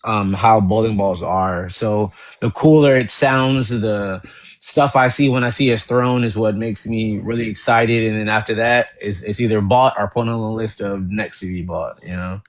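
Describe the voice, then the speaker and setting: A man talking in a casual chat, rambling and excited, often laughing as he goes. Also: fairly low pitch, normal speed, dry recording. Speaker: guest.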